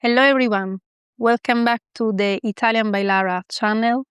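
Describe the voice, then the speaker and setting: A woman's voice: fairly high pitch, fairly even intonation, moderate pace, music in the background. A woman hosting an interview as an Italian teacher, asking polished, prepared questions. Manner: polished, warm scripted questions.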